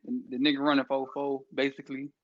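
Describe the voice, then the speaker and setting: A man's voice: medium pitch, monotone, fast. A man co-hosting a podcast, talking sports in a slangy, casual way, ending lines with "bro" and "dog". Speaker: podcast co-host. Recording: dry, muffled lo-fi audio.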